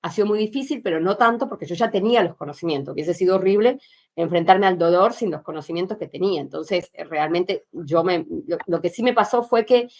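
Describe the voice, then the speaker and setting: A woman, a pelvic floor specialist giving an informal workshop talk, candid and chatty, talking straight to her listeners with frequent filler sounds. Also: mid-range voice.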